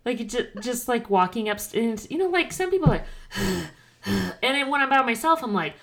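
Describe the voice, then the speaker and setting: A woman's voice: on the high side, lively intonation, a little fast. A woman in her thirties chats casually as a co-host. She rambles a little, full of fillers, and pokes fun at herself. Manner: chatty, filler-heavy, self-deprecating. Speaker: podcast co-host. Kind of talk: casual chat.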